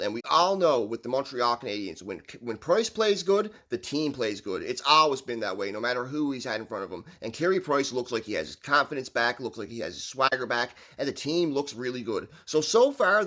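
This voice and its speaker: A hockey vlogger with a Newfoundland accent offers upbeat, rambling commentary on his own channel, earnest and restarting as he goes. His mid-range voice sounds pushed and bright.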